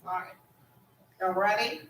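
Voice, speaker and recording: A woman's voice: mid-range voice, unhurried, fairly bright tone. A woman leads a school spelling bee as its pronouncer, patient and instructive, explaining rules and calling out words. She is heard from some distance in an echoey school room. A faint hum of background noise sits under her voice. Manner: patient, instructive, repeats "okay?".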